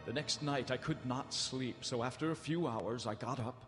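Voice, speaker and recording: Over loud music, a man lightly acts the part of a captive Englishman reading from his journal in a live radio horror drama staged in a large hall. His mid-range voice carries anxious dread, breaking into halting, theatrical phrases and fearful repetition, all ringing with the hall's long reverb.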